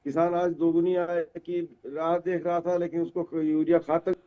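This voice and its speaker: A man's voice: on the high side, level tone, normal speed, muffled recording. A man making emphatic points as a panelist in a TV news debate. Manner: emphatic, listing grievances. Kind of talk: political commentary on TV debate.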